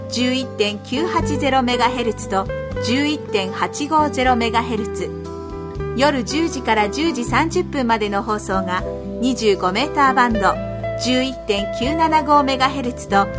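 A woman reading scripted radio announcements in a polite, bright manner as the show's host. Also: fairly high pitch. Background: music.

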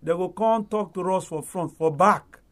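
A man's voice: high-pitched, normal speed, fairly bright tone. A male pastor with a Nigerian accent, praying aloud in Nigerian Pidgin.

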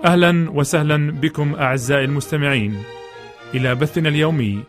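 A man's voice: fairly high pitch, fast. A man speaking as a radio announcer in the formal manner of a public radio host, reading a scripted station introduction. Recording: music under radio announcement. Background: brass fanfare music.

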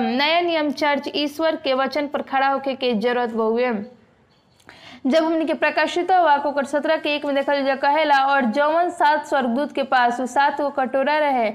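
Woman w bhojpuri accent giving a bible sermon, high voice, steady and measured. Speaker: preacher.

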